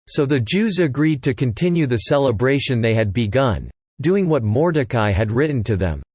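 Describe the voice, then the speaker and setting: A man giving a steady, measured scripture reading. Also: medium pitch, dry recording. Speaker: Bible reader.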